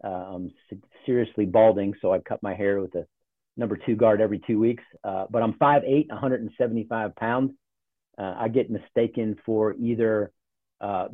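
Man, forties, low voice, casual rambling talk, tinny phone-like audio. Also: normal speed, dry recording. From born in Ohio, grew up in Charlotte. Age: 40s. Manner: relaxed, rambling with many fillers. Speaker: podcast guest, nonprofit CEO.

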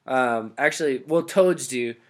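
A young man hosting a podcast, riffing absurd jokes in a deadpan way and laughing often. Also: medium pitch, measured pace. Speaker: podcast host. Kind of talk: joking casual chat.

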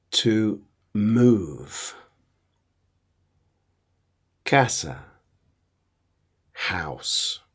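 A man teaching English vocabulary, quizzing the listener playfully and pausing for them to repeat. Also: fairly low pitch. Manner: drills words with pauses to repeat. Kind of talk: vocabulary lesson.

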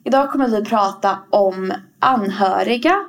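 A woman hosting a podcast in casual chat, quick and upbeat, chiming in to finish thoughts. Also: mid-range voice. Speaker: podcast host.

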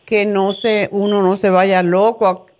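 Middle-aged female radio health host, mid-pitched, frank and opinionated, chatting familiarly with callers. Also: flat delivery, a little slow, darkish tone. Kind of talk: conversational call-in health advice.

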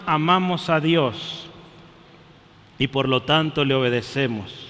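High bright-voiced preacher in a reverberant church. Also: male voice. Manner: energetic, calls out to the congregation. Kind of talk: sermon.

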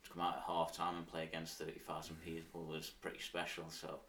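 A man speaks in a low-pitched voice with a strong Manx accent from the Isle of Man. He chats casually as an interview guest. He sounds a little way back from the microphone. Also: monotone, a little fast, a bit bright, distant mic. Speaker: podcast guest, cyclist. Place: podcast studio.

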